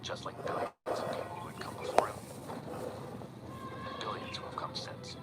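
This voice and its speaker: A man giving wry, measured scripted documentary narration. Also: whispered. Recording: voice-over over loud music.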